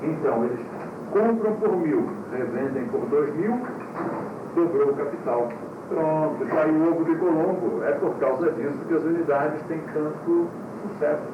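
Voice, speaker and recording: A man's voice: fairly high pitch, normal speed, phone-quality sound. Man lecturing on a hissy old VHS tape. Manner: playful, asks the class rhetorical questions. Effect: old VHS tape recording. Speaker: yoga teacher giving a lecture. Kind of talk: classroom lecture to school directors. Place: lecture room with an audience. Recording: noisy old VHS tape, echoey room, speaker far from the mic.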